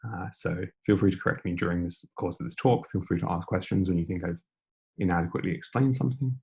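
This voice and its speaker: A young man giving an informal online lecture, speaking in a hushed near-whisper as quietly as possible, breathy as if losing his voice. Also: low voice, fast. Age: young adult. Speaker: debating lecturer.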